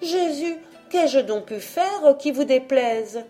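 A woman reading an audiobook, voicing a devout, timid young peasant woman with high, pleading exclamations. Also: lively intonation, slow, dark tone, soft background music.

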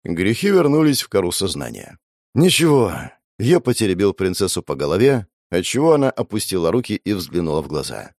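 A man reading a first-person fantasy story aloud, expressive as he narrates. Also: deep voice, brisk, few pauses, no room sound, clean studio sound.

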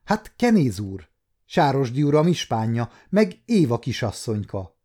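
A man's voice: mid-range voice, very animated, mellow. An adult man voicing an old, anxious, talkative male servant who pleads fearfully.

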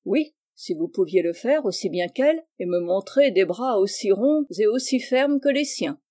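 A reader voicing a kind but firm middle-aged male doctor who is an uncle, read in a measured, instructive way. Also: mid-range voice, expressive, dark tone, close to an everyday voice.

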